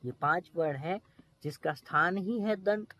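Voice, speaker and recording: A man's voice: high voice, bright, forceful tone, soft background music. A man teaching Sanskrit pronunciation in a casual video lesson, talking straight to viewers and sounding out letters one by one. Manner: chatty, addresses viewers directly, sounds out letters slowly.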